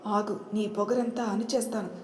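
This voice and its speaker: A woman's voice: medium pitch, steady tone, normal speed, a little mellow, natural voice. A woman voicing an arrogant, scheming young woman who boasts and threatens. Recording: echoey room.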